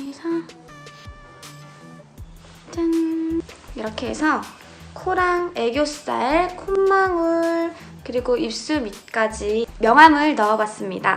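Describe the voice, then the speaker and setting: A woman in her thirties giving a casual, gentle step-by-step makeup tutorial at home. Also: high voice, animated, normal speed, over music.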